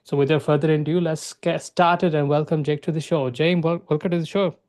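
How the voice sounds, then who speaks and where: A man's voice: fairly high pitch, fairly even intonation, fairly quick, darkish tone. A man hosting an interview podcast, talking eagerly with loose grammar and frequent "like". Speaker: podcast host.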